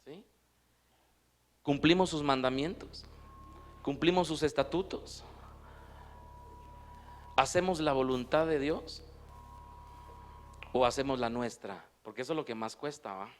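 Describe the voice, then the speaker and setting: A man pastor preaching a sermon, asking the congregation questions and reading scripture slowly and with emphasis. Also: medium pitch. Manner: drops to a hushed voice for quiet passages.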